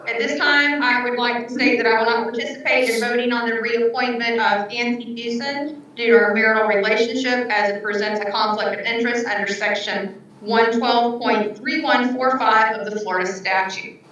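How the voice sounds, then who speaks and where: A woman's voice: on the high side, fairly even intonation, fairly bright tone. Woman chairing a meeting over video call. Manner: brisk, procedural, slightly unsure. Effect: remote video call audio. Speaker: school board chair. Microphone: computer mic on a video call. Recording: dull, echoey, distant call audio.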